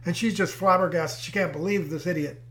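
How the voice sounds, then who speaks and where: A male pastor preaches in a relaxed, conversational way, drifting into an anecdote with easy fillers. His speaking voice sits fairly high for a man. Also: a little fast. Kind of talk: sermon.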